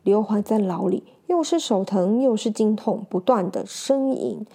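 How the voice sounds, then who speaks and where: A woman narrating a classic crime tale in an expressive storytelling voice. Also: medium pitch, a little slow.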